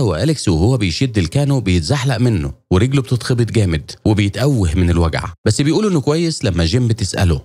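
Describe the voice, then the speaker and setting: Male narrator, Egyptian Arabic accent, very fast scripted film recap read, mid-pitched, steady storytelling. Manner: rapid, steady storytelling delivery.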